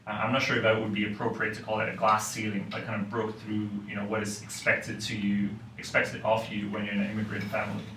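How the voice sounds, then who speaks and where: Speaking quickly with hardly any pauses, a man from Hong Kong who lectures at a university joins a casual podcast conversation as a guest, thoughtful and full of "um" and "you know." His fairly low voice is sharp and completely flat. A distant mic picks him up in a roomy space with faint noise.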